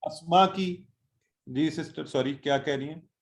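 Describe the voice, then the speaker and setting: Encouraging male Quran teacher on a call. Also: a little high. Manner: encouraging, repeats Arabic words slowly and drills students. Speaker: online Quran and Arabic teacher. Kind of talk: live online class, quizzing students. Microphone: video call.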